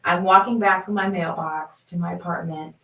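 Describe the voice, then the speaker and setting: A woman in her fifties telling a personal story in a chatty, animated way, laughing along as she talks. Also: fairly low pitch, moderate pace. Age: 50s. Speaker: sound healing host. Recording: roomy, from a distance.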